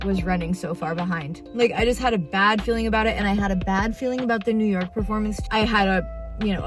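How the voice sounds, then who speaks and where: Woman, casual vlogger, spilling gossip, confiding, dramatic emphasis, middling-pitched voice, music in the background.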